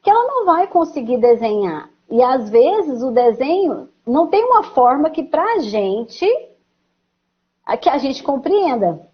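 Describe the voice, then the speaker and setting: A Brazilian psychologist explaining parenting tips calmly on a video call, with frequent pauses and restarts. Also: female voice, high-pitched, breathy edge, lo-fi sound. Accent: Brazilian Portuguese. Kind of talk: casual advice chat on a video call.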